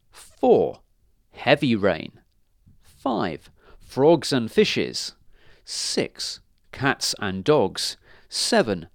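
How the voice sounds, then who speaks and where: A man reading a children's story aloud in an expressive, lively way. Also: fairly low pitch, dry recording, studio quality.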